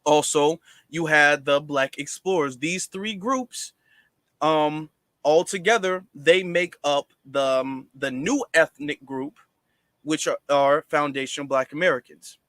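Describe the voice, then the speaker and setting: A man's voice: on the high side, measured pace, a bit bright, no echo. A man hosting a casual livestream, explaining at length to viewers with many fillers and restarts. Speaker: livestream host.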